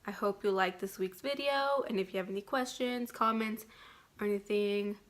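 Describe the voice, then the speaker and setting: A woman's voice: medium pitch, moderate pace. A woman giving a casual vlog update, rambling and filling her talk with "like" constantly. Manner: rambling, fills speech with "like". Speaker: vlogger.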